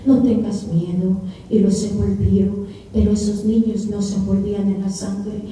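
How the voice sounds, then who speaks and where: A woman's voice: medium pitch, completely flat delivery, normal speed, dark tone, far from the mic, a little hiss or hum. Woman testifying in an echoey church hall. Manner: earnest storytelling, retells dialogue in repeated phrases. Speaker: church member giving testimony. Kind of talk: testimony of a spiritual vision.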